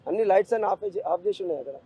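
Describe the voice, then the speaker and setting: A man's voice: high voice, lively intonation, very fast, warm tone, slightly rough. A middle-aged grieving father, speaking in an emotional street interview, pleading and repeating himself. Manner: grief-stricken, repetitive, pleading.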